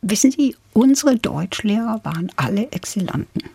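Older woman, gravelly and husky. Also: medium pitch, expressive, warm tone. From England. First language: English. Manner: reflective, measured storytelling. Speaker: guest, literary scholar. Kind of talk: radio interview conversation.

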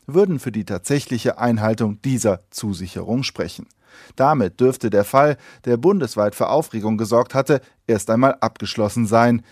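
A man's voice: mid-range voice, no echo. Male radio correspondent, dry studio. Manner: factual, even reporting. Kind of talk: news report.

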